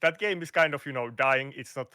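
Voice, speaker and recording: A man with a Finnish accent, appearing as a guest content creator in a casual call interview, speaks briskly at medium pitch with a bright, forceful voice. His speech is hesitant, with frequent restarts, fillers, word searching, and non-native phrasing. The sound is close and dry, with no room.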